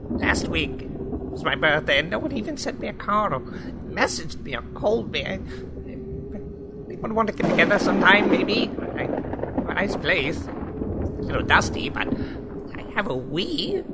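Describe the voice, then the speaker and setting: A performer playing a lonely, pathetic horror host out of character, halting and self-pitying in a comic monologue. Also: mid-range voice, big pitch swings, heavy background noise. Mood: lonely, pleading.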